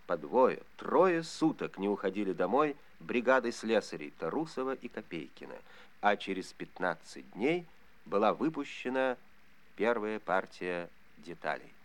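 Male announcer on the low side, formal, solemn delivery of scripted war bulletins. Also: big pitch swings, a little slow.

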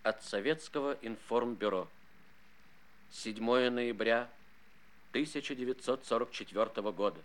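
A man's voice: medium pitch, unhurried, long pauses. A man reading a wartime state bulletin as an announcer, in a solemn, declamatory manner.

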